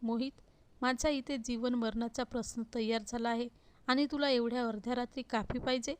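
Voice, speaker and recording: A woman's voice: fairly high pitch, fairly even intonation, normal speed, clean tone, close to an everyday voice. Woman reading as a hurt, pleading young wife. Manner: pleading, reproachful.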